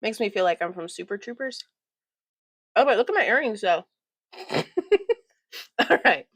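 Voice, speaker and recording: A woman's voice: mid-range voice, sing-song, a little slow, no echo, poor audio. A woman hosting a craft vlog at home, chatting casually and laughing often. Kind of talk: casual chat.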